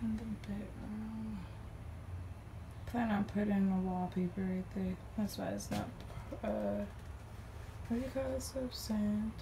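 A woman's voice: mid-range voice, fairly even intonation, unhurried, vocal fry, long pauses. A young woman casually chatting to viewers about renovating a small trailer, filming with a handheld phone. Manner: chatty, addresses viewers as y'all, drops to a whisper at times. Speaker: vlogger. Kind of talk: casual walkthrough vlog. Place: inside a small travel trailer under renovation. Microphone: phone camera held while walking. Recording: noisy phone recording with sanding noise.

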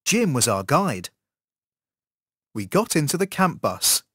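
A man reads a textbook story aloud in scripted narration, slowly and with care. His intonation rises and falls in a lively way. The recording is dry and close, with no room sound. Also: a little high, slightly rough, no echo. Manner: slow, careful reading with lively intonation. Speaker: English course narrator.

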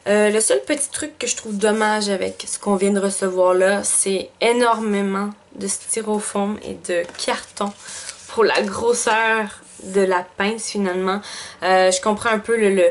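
A woman's voice: medium pitch, fairly even intonation, measured pace, slight background noise. A woman with a Quebec French accent chatting casually through a beauty box unboxing, thinking aloud with lots of fillers. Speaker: beauty vlogger.

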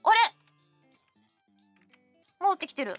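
A woman's voice: slow pace, dry recording. A young woman streaming a game, chatting and teasing her viewers in a playful, talkative way. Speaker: VTuber streamer. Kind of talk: casual game stream chat. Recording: faint music behind voice.

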